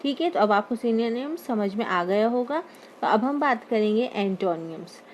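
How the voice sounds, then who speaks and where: High-voiced woman teaching a lesson. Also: expressive, muffled recording, a little hiss or hum. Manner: explains slowly, repeating terms with Hindi glosses. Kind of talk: explaining English grammar lesson.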